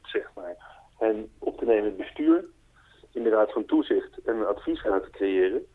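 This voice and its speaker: Man on a phone line, mid-pitched, earnest spokesperson explaining his project patiently; tinny, dry call audio. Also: expressive, moderate pace, husky, dry recording. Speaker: spokesperson for a foundation, interviewee. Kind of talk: radio phone interview. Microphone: telephone.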